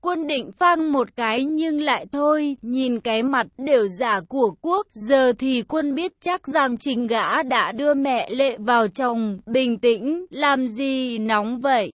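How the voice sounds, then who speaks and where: High-voiced woman narrating a story. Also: a little slow, hardly any pauses, no room sound. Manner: dramatic reading.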